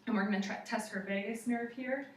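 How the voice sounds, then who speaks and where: A woman's voice: fairly high pitch, fairly even intonation, a little fast. A young adult woman giving a step-by-step spoken demonstration of a clinical exam, narrating each finding as a student would. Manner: procedural, step-by-step narration to a patient and observer. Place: living room, indoors. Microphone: camera across the room. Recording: roomy, distant camera mic, faint noise.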